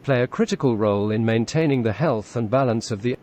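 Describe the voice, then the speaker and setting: A synthetic male text-to-speech voice with a British accent, reading text aloud in an even, measured way. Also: mid-range voice, a little hiss or hum. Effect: synthetic text-to-speech computer voice.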